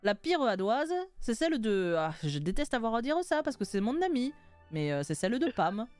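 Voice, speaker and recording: A woman's voice: a little high, sing-song, normal speed, darkish tone, no echo, faint music behind. A woman voicing a worried male tavern keeper in a video game with an exaggerated southern French accent.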